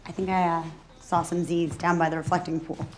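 An actress playing a restless, sarcastic young American survivor, dry and blunt, in a film comedy. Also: female voice, fairly low pitch, flat delivery, a little fast, lightly acted. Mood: dry, fed up. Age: young adult.

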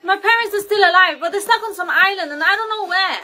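A text-to-speech woman's voice reading storytime dialogue with a flat synthetic delivery. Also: very high voice, fast talker.

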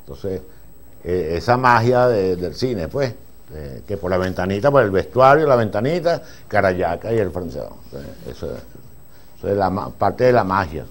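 A man's voice: deep voice, normal speed. Older Venezuelan man telling film anecdotes. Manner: rambling, animated retelling with frequent restarts. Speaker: film prop master giving a master class. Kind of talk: anecdotal storytelling to an audience.

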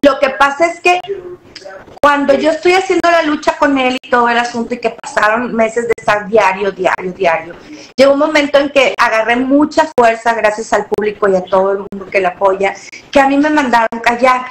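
A woman's voice: fairly high pitch, fairly quick. Earnest woman in an echoey room. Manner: earnest, repeats words and restarts often. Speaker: interview guest. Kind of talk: emotional storytelling interview.

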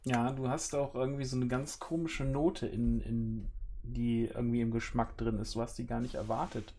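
A man in his thirties narrating a tabletop game as storyteller, haltingly searching for words. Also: mid-range voice, little pitch movement, warm tone. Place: small room at home, video call.

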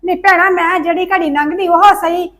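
A woman's voice: very high voice, steady tone, brisk, a bit bright. A woman playing a meek, put-upon younger sister. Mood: agitated. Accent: Punjabi. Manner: complaining, pleading. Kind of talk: Punjabi family drama acting.

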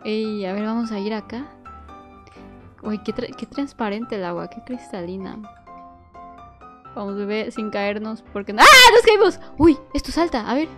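A woman giving playful commentary on a game, excitable, squealing and shrieking at every fall. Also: mid-range voice, moderate pace, pauses often, faint music behind. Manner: talks to the baby as she plays. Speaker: gaming youtuber.

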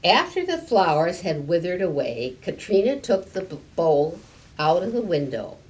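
Reading a picture book aloud to children, an elderly woman in her 70s or older speaks in a deliberate, slightly halting way and adds small explanations as she goes. Her lowish voice is sing-song and a little mellow. This story time reader was recorded indoors in a library room with a stone fireplace by a camera a few meters away, so the distant mic picks up room noise.

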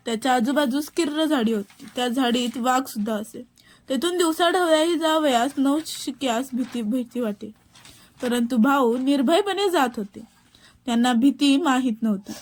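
High-voiced woman reading a story aloud. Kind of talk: reading a classic novel aloud.

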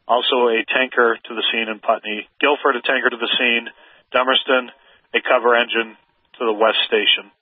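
A man working as a fire dispatcher, heard over a two-way radio, calling out alarms in a measured way and repeating each call. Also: medium pitch, level tone, no room sound. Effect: two-way radio transmission. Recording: narrow dry dispatch radio channel.

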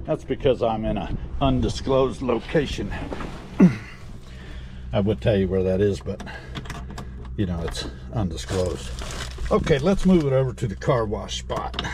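Fixing up an old car outdoors, a garage vlogger chats to himself in casual commentary laced with dry humor. He speaks in a fairly low, expressive voice, unhurried and pausing often. Car engine noise and outdoor ambience make the recording noisy.

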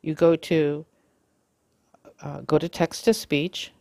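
A woman giving a casual how-to demonstration, talking haltingly with many fillers and self-corrections. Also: deep voice, little pitch movement, creaky, warm tone. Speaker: video tutorial host.

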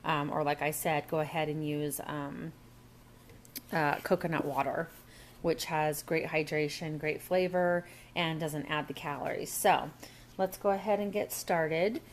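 Lady chatting through a smoothie prep in her kitchen, lowish voice, noisy bags crinkling. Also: fairly even intonation, unhurried. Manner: chatty, step-by-step instructions. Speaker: cooking vlogger. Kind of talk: casual kitchen demo. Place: home kitchen counter.

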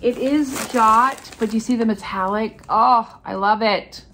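Indoors in a furnished room at home, a middle-aged American woman hosting a haul video presents shopping finds in a casual, enthusiastic chat. Her congested, stuffy voice is a little high, a bit bright and a little slow, with slight background noise.

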